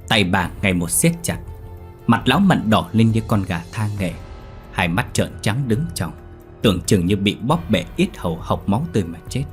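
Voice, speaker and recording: A man's voice: on the low side, big pitch swings, normal speed, soft background music. A man telling a ghost story in scripted, dramatic narration.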